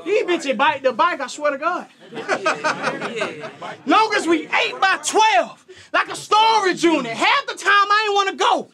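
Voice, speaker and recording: Man, Southern US country accent, battle rap, shouted aggressive bars, very high voice. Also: big pitch swings, measured pace. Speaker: battle rapper. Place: live battle event with a crowd.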